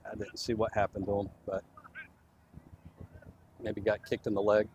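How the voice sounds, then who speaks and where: A man's voice: lowish voice, monotone, moderate pace, darkish tone, slight background noise. A man giving casual, chatty live commentary on a soccer match for the home club. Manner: chatty, easygoing, laughs easily.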